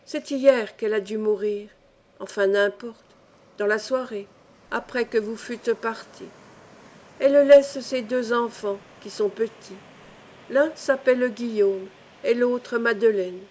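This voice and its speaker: A woman's voice: fairly high pitch, takes it slowly, a little mellow. A woman voicing an anxious, guilt-ridden fisherman's wife who speaks in trembling, fretful tones. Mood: nervous.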